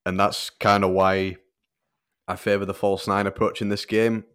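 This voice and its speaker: A man with a very low, smooth voice discussing football on a podcast. He explains tactical matchups in a measured, analytical way and fills his pauses with soft "ums". The delivery stays relaxed and conversational throughout.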